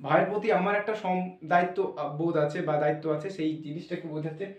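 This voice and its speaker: Male teacher, high voice, spells words letter by letter, recorded from a distance in a roomy hall. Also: very fast. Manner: spells words out letter by letter, repeats and self-corrects. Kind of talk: classroom lesson explaining English pronunciation. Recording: echoey room, voice from a distance.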